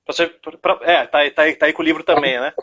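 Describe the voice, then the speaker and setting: Husky high-voiced man interviewing. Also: fairly even intonation, quick pace, fairly bright tone, dull audio. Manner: friendly, repeats words and restarts. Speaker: interviewer at a book launch. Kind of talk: casual interview over a video call.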